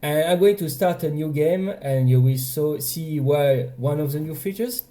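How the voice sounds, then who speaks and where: A young man with a French accent talks through his game project in a relaxed video-diary way. His voice is very dark and mellow, and he often stops to correct his words as he goes. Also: a little high, normal speed. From France. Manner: hesitant, self-correcting, chatty. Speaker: indie game developer. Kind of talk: casual devlog walkthrough.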